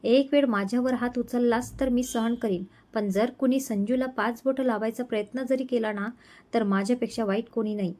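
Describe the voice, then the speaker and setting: A woman's voice: fairly high pitch, fairly even intonation, moderate pace, dark tone, close to an everyday voice. A woman voicing a young woman who fiercely protects her little brother in a storybook reading. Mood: defiant. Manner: firm and defiant.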